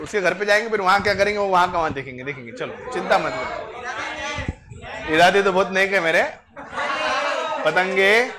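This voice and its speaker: A man's voice: high voice, expressive, moderate pace, long pauses. A man lecturing a class on finance, joking and bantering with his students. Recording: noisy classroom crowd. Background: students chatting.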